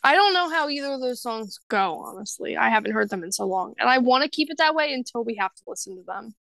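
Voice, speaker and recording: Young female co-host, gravelly fry, blunt and sweary, restarts her sentences, close dry mic. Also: on the high side, expressive, fast talker, a bit bright, no room sound. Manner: emphatic, swears freely, trails off and restarts. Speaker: podcast co-host. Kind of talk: casual chat about music.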